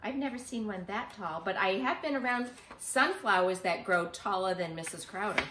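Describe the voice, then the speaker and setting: This middle-aged woman, a preschool teacher, reads a picture book aloud with lively expression, putting emphasis into a delivery aimed at young children and asking them simple questions. She speaks at a normal speed in a medium pitch from a sofa in a small living room. There's a slight hiss or hum on the roomy home recording.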